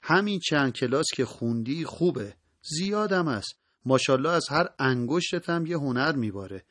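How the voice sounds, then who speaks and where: A man's voice: fairly high pitch, animated, fairly bright tone, no room sound, studio quality. A man voicing a middle-aged father who talks to his daughter in an affectionate, pleading way, in an audiobook reading. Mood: fatherly. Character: middle-aged father, gentle but worried.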